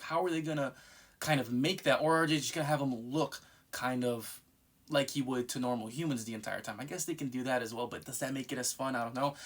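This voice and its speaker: A man's voice: fairly high pitch, fairly bright tone. A man giving casual, unscripted fan commentary in a nervous, rambling way, circling back and repeating himself.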